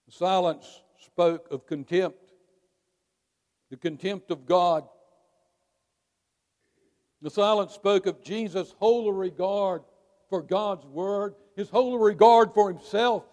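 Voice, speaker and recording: A man preaching a sermon to his church, emphatic, with dramatic pauses between words. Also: high-pitched, a little mellow. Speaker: pastor. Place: church sanctuary. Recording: long reverb of a large hall.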